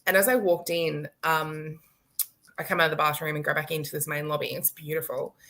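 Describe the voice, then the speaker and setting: A woman's voice: low voice, brisk. A woman in her late thirties, a live-stream guest, telling a story with lots of laughter and acted-out quotes. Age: late 30s. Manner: animated storyteller, laughing often, acting out quotes. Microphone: video call.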